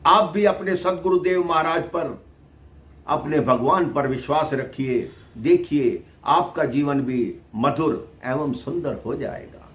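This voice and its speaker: Slow, measured male devotional storyteller. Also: a little high, a bit bright, reverberant. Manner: slow, measured, with pauses between phrases.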